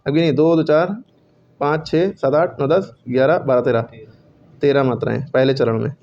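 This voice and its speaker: A man's voice: mid-range voice, steady tone, moderate pace, highs cut off, slight background noise. A male teacher giving a classroom lesson on Hindi verse meter, counting syllables aloud and correcting himself as he goes.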